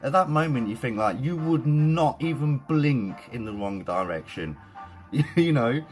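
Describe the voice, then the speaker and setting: A man's voice: mid-range voice, unhurried, faint music behind. Chatty British man hosting a live stream. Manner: chatty, excitable, swears casually, says mate and man. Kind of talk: casual live-stream chat.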